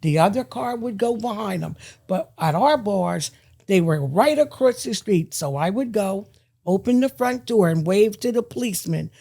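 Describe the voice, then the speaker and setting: A woman guest and former bar owner telling stories in casual talk, emphatic and animated. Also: medium pitch, normal speed, gravelly. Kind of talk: casual storytelling.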